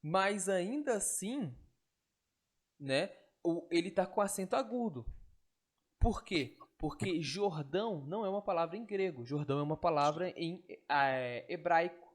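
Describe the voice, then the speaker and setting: A man with a high voice and lively intonation teaches Greek online. His explanation proceeds step by step, punctuated by quick tag-question check-ins.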